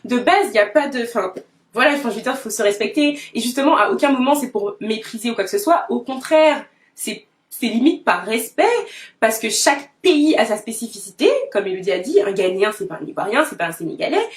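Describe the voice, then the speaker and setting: Young woman from martinique, emphatic, voice a bit high, echoey room. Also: expressive, fairly quick. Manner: emphatic, agreeing often. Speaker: co-host. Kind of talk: casual discussion.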